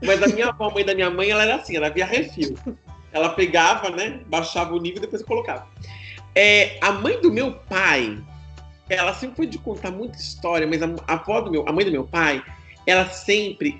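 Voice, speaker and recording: Lively woman telling family stories. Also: on the low side. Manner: animated, acts out family members in quoted voices. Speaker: podcast co-host. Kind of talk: casual storytelling chat.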